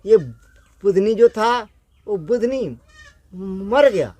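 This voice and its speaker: A man's voice: high voice, extremely slow, mellow. A man voicing a clever court minister who questions and scolds the others, in a spoken folk story. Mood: questioning.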